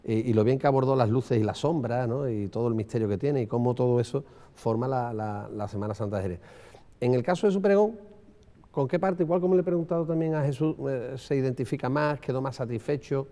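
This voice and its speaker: A man moderating a panel in a discursive, hesitant way, circling slowly toward his questions. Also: mid-range voice, dark tone. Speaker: round-table moderator. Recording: long hall reverb.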